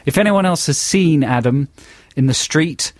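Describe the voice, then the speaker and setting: Casting: male radio host, very lively pitch, wry and playful, dry studio mic. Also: normal speed, no room sound. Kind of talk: casual radio chat, reading listener emails.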